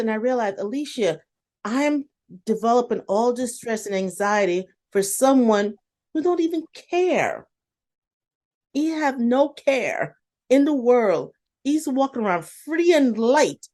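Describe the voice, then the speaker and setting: A woman in a casual interview conversation, telling a personal story in an animated, blunt, motivational way and quoting her own self-talk. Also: fairly high pitch. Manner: animated storyteller, talks to herself in quotes.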